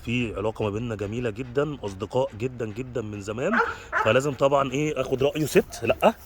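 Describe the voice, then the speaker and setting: A man's voice: mid-range voice, fast talker, heavy background noise. A man with an Egyptian accent, a dog trainer hosting a casual vlog, giving short commands and praise to dogs. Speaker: dog trainer and dog park owner. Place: dog park.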